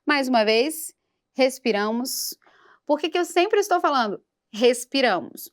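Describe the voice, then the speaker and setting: A woman teaches singing in a church program, talking slowly and patiently. Her speaking voice sits fairly high for a woman. She takes her time over each point and stops now and then to sing a phrase as a demonstration. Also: animated. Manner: slow, patient instruction with sung demonstrations. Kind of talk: vocal lesson for a church program.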